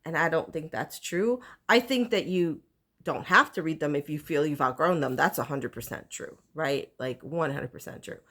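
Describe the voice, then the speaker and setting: Low-voiced woman chatting about books. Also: moderate pace, fairly bright tone. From Puerto Rico. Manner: rambling, self-interrupting, many fillers. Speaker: booktuber. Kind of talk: casual chat to camera.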